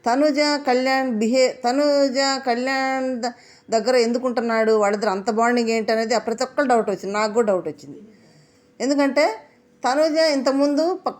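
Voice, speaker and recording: Woman, reality show reviewer, fast pace, higher pitch, repetitive retelling. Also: darkish tone. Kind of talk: casual commentary.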